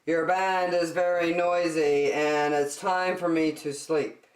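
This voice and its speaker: A woman voicing a sleepy, grumbling but willing bear in a children's picture book, with deliberate emphasis. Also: deep voice, level tone. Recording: roomy, echoey, distant microphone.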